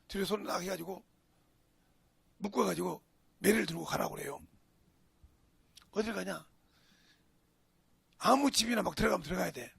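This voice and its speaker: A middle-aged male pastor preaching a sermon in a church, telling a personal story in a folksy way and swinging between shouts and hushed whispers. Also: sits high, gravelly, husky. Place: church sanctuary.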